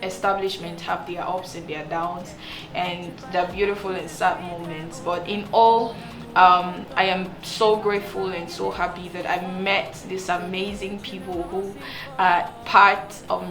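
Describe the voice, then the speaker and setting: Woman singer, earnest interview talk, echoey room with music beneath. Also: on the low side. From Cameroon. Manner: earnest, with many restarts and repeated words. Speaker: singer and songwriter.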